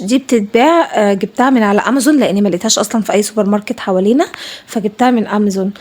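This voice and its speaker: A woman with an Egyptian Arabic accent, a home vlogger talking casually over her cleaning footage, fast and emphatic, repeating herself. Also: a little high, dark tone, breathy edge.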